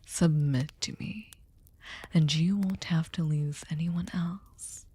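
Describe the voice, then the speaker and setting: Slow, low-voiced, sadistic vampire woman played by an actress. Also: mellow, full character voice. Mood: coaxing, possessive. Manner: slow, theatrical, taunting, often dropping into breathy whispers. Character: sadistic, possessive, manipulative centuries-old female vampire lord. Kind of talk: intimate ASMR roleplay monologue.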